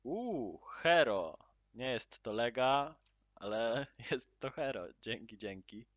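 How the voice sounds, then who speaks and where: A man hosting his gaming channel, greeting viewers loudly and then muttering casual commentary as he plays, with sudden excited exclamations. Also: medium pitch, takes it slowly, no echo, muffled recording. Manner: loud upbeat greetings, then mutters quietly while playing; excited exclamations at in-game drops.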